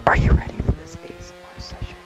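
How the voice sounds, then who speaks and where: A man's voice: high-pitched, completely flat delivery, rapid-fire, over music. A man chatting playfully while gaming, his voice muffled as if heard through a wall. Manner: playful, teasing. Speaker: gamer. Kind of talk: casual gameplay chat.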